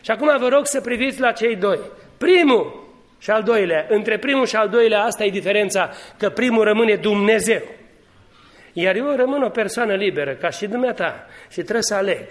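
A man preaching a sermon, telling humorous stories and building to fervent exhortation. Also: sits high. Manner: lively, humorous storytelling that rises to fervent exhortation.

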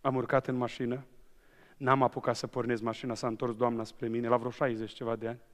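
Un bărbat cu voce de înălțime obișnuită predică într-o sală de biserică, cu un ecou lung ce se prelungește după fiecare frază. Spune mărturia ca un povestitor viu, adresându-se direct adunării. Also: male voice, medium pitch. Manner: lively storyteller, addressing the congregation directly. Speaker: preacher. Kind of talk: sermon with personal testimony. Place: church hall. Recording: long church-hall reverb.

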